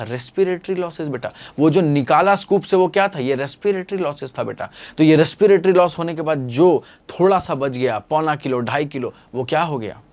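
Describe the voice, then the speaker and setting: A man teaching a biology lesson online in a playful, storytelling way, calling his students "beta". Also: medium pitch.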